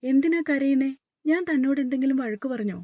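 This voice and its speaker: A woman's voice: high-pitched, fast talker, no room sound, voice pushed up, lightly acted. A woman reading as a teasing young husband. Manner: teasing, gently mocking.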